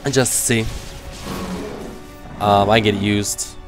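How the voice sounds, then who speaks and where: A gaming commentator in his thirties gives rambling, self-deprecating casual commentary on gameplay, his voice made nasal by a cold. It's fairly low and fairly even in intonation, at a measured pace, heard over music.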